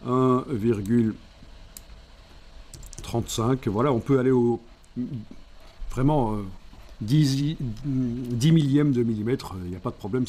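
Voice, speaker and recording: A man speaking, explaining a software tutorial step by step and thinking aloud as he works. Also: mid-range voice, slightly rough. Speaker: software instructor. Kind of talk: screen-recorded software tutorial.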